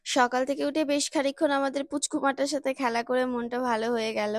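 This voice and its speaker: Slightly hoarse woman, chatty voice-over. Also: high voice, a little fast, dry recording. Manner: relaxed, rambling, self-correcting. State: slightly hoarse, early morning voice. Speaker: home vlogger.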